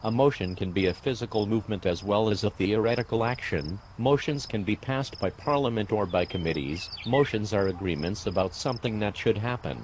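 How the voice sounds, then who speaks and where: A man reading an English vocabulary lesson in a measured, deliberate way. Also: fairly low pitch, noisy background. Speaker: English teacher.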